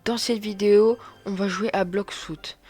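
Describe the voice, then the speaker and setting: A man giving excitable, chatty let's play commentary, often repeating words as he plays. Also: high-pitched, unhurried, breathy edge, soft background music. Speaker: gaming video creator.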